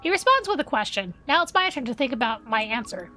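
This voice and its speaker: A woman streaming a game, reading the story aloud and breaking off into excitable reactions. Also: a little high, fast talker, faint music behind.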